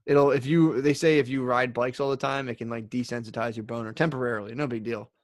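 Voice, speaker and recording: A man's voice: medium pitch, fairly even intonation, fast, no echo, clean studio sound. A man co-hosting a podcast in casual chat, easygoing and joking with plenty of swearing. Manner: easygoing, profane, joking banter. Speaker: podcast co-host.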